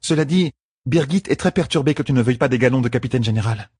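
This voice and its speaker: A man voicing a poised, teasing young queen in an audiobook, with a husky tone and composed delivery. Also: medium pitch, fast talker, warm tone, no room sound, studio quality, voice pushed up, lightly acted. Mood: earnest. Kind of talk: audiobook character voice.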